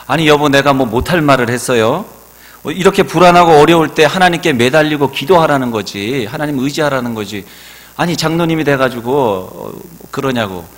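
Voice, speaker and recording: A male pastor voicing a church deaconess who gently scolds her husband in a pleading, exasperated way. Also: mid-range voice, lively intonation, brisk. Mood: coaxing, exasperated. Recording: long church hall reverb.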